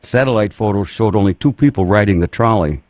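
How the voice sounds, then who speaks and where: A man's voice: fairly low pitch, brisk, a little mellow, no room sound. A man hosting a radio show, wisecracking through a string of one-liners and laughing at his own jokes. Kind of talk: joking radio banter.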